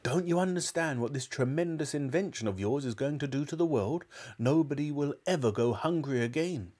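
A man voicing a wildly excited, bossy farmer father in a storybook, exclaiming emphatically and boastfully. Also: medium pitch, normal speed, slightly rough, pitched above the performer's own voice. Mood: grandly excited.

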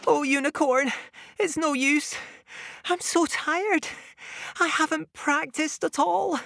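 A woman's voice: high voice, slow pace, vocal fry, fairly bright tone, dry recording, clean studio sound, voice pushed up, heavily acted. A woman voicing a tired, downcast male robot ninja in a children's storybook. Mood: weary. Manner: weary and downcast.

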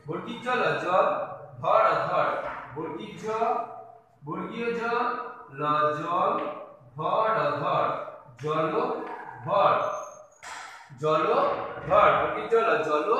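A man's voice: high voice, pushed and bright, a little hiss or hum. A man teaching a kindergarten video lesson, patiently spelling out letters and words one by one. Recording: echoey room from a distance.

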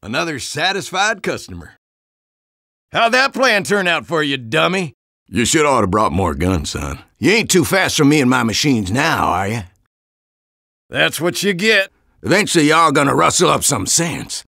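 A man voicing a cocky, taunting Texan engineer with a gravelly drawl, as a silly parody redub. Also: a little high, big pitch swings, moderate pace, no echo, clean studio sound, full character voice. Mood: smug taunting. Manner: swaggering, taunting, shouted outbursts. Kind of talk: silly parody redub with mismatched game-character lines.

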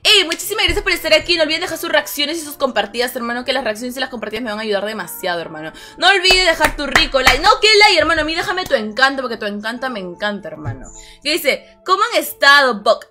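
Over music, a young woman chats casually and expressively on a live game stream, greeting viewers by name and reading their comments. Her voice is strained and rough, and she ends phrases with a low, drawn-out "hermano."

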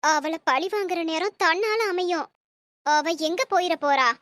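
A woman's voice: very high voice, measured pace, a bit bright, no room sound. A woman voicing a stern, possessive middle-aged mother in a storybook drama, scolding and coddling her son. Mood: soothing. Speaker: mother of the young man.

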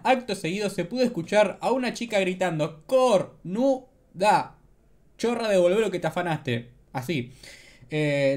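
A man with a Rioplatense Argentine accent hosts a casual video commentary. His voice sits high for a man, and he sounds sarcastic and mocking throughout. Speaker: commentary channel host.

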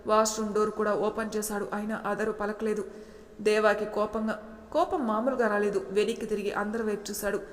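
A woman narrating a serialized story in a steady, dramatic way. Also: medium pitch, a little fast. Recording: roomy with long reverb.

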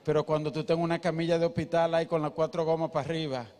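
A man's voice: a little high, level tone, racing, darkish tone. A male pastor, preaching emphatically and asking the congregation questions. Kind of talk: sermon. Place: church. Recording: echoey church hall.

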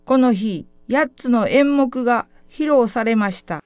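A woman reading scripted narration for a local event video in a measured, formal announcing manner. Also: fairly high pitch, animated, a little mellow, clear, resonant tone, no echo.

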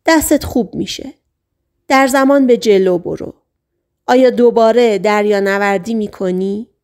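A woman reading the lines of a calm male psychiatrist who gently questions a patient under hypnosis. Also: mid-range voice, lightly acted. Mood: gentle.

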